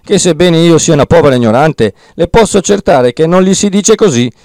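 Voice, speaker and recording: A plain-spoken older peasant woman , as a male reader puts her on, raised higher in pitch and insistent. The tone stays mellow and dark, and the recording is dry. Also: animated, fairly quick, dry recording. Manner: earnest, correcting, insistent. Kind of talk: audiobook character reading.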